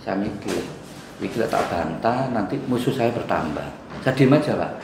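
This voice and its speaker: A man's voice: fairly low pitch, lively intonation, moderate pace, vocal fry. A middle-aged man with an East Javanese accent recounts a neighborhood dispute to a mediator, acting out the quoted arguments. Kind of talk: animated retelling to a mediator. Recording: echoey room with faint background hum.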